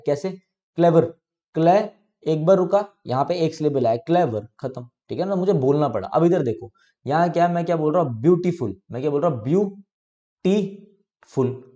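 A young man teaches a grammar lesson for exam students in a mellow, relaxed voice pitched a little high. He explains patiently and keeps checking that his listeners follow. He reads English example sentences out slowly and deliberately. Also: dull audio. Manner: explains patiently, asks "ठीक है?" to check understanding.

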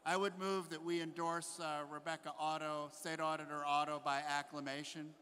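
A man delegate makes a formal motion from a convention floor microphone, speaking haltingly. His voice is bright and forceful, sitting a little high. He sounds set back, with long hall reverb around him. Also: level tone.

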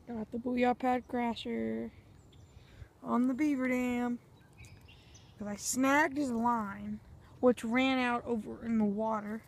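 A woman's voice: a little high, slight background noise. Chatty woman vlogging outdoors on a phone. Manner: rambling, chatty, talks to viewers as "guys". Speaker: fishing vlogger. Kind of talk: casual outdoor commentary. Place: outdoors at a pond bank. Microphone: handheld phone.

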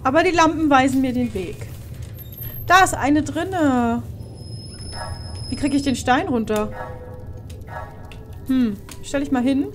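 A woman's voice: sits high, slow pace, pauses often, faint music behind. A young woman commenting on a horror game as she plays, chatty and exclaiming, sometimes swearing. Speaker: let's play host.

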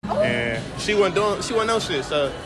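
A candid, laid-back man talks about his past with a lively, bouncing voice. Loud music plays behind him in the mall. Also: high-pitched, normal speed. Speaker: interviewee. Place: busy mall.

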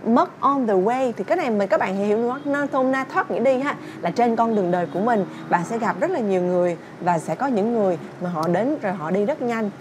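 A woman's voice: on the high side, expressive, fairly quick, few pauses, noisy background. A young woman teaching English through a song, chatty and casual, singing lines and then explaining them. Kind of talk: song-based English pronunciation lesson.

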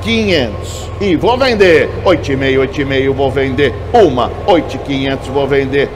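A man's voice: medium pitch, normal speed, over music. A Brazilian man working as an auctioneer, chanting bids in short, repeated number phrases. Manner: repetitive bid calling, clipped number phrases.

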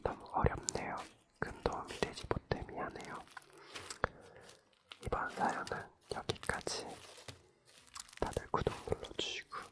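A host leaning in close to the microphone to whisper softly and intimately, gently reading and answering listener stories in an ASMR radio style. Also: measured pace, pauses often. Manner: gentle, consoling, informal advice-giving.

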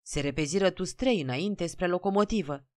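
A woman narrating a classic story as an audiobook, steady and expressive. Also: on the low side, dry recording, clean studio sound.

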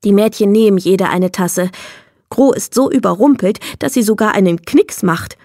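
A woman narrating a children's audiobook in a clear, measured storytelling voice. Her pitch sits in a middle range. The recording is dry and close, with no room sound. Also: darkish tone, no echo. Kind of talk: children's book reading.

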